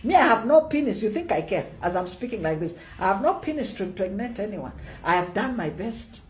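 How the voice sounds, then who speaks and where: A woman's voice: mid-range voice, very animated, a little fast, darkish tone. A Kenyan woman in her fifties with a Kenyan accent, giving an impassioned, defiant monologue full of rhetorical questions. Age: 50s. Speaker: commentator in a played clip. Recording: echoey, dull lo-fi clip.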